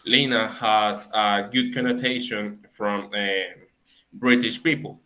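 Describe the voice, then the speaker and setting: A young man giving a class presentation, pausing often with fillers as he reads. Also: fairly low pitch, steady tone, bright, forceful tone, a little hiss or hum, poor audio. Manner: hesitant, frequent fillers. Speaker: student presenter.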